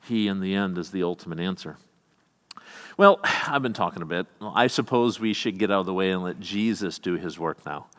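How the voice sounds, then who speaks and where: Male pastor with a Midwestern accent; sermon delivery, scripture reading mixed with folksy asides; low voice, long church reverb. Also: expressive, brisk, a bit bright. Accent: American Midwestern. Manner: reads scripture aloud and adds folksy asides. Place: church sanctuary.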